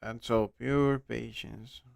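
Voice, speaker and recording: A Costa Rican man with a smooth, clear voice, speaking English as a second language while he hosts a live trading stream. He reads viewer questions aloud and answers them bluntly, often letting his voice drop away at the end of a phrase. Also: medium pitch, fairly even intonation, slow pace, a little mellow. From Costa Rica. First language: Spanish. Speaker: trading livestream host.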